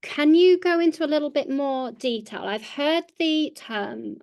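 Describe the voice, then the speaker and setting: A woman's voice: high-pitched, animated, measured pace, vocal fry, a little mellow. A woman talking on a podcast in a reflective, chatty way, often restarting her phrases as she thinks aloud. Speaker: podcast guest and interviewer. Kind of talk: podcast interview conversation.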